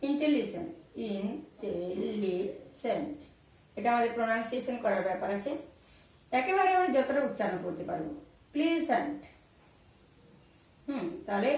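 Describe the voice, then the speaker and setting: A woman teaching English grammar in Bengali, spelling out words letter by letter and repeating examples slowly. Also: fairly high pitch, a little mellow, far from the mic. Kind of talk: explaining grammar rules to students. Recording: very echoey room, voice off-mic.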